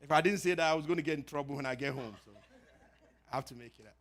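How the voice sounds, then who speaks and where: Speaking quickly in a fairly high voice, a middle-aged man from Ghana delivers a casual church health talk as a pharmacist. He has a Ghanaian accent, cracks jokes with lively energy, and keeps circling back to his key points.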